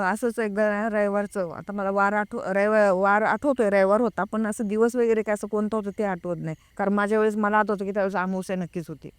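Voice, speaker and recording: Smooth-voiced woman telling a story. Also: mid-range voice, dry recording. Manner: hesitant, pauses often to recall details; reenacts a friend's frightened words. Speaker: guest recounting a personal experience. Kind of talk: casual first-person storytelling.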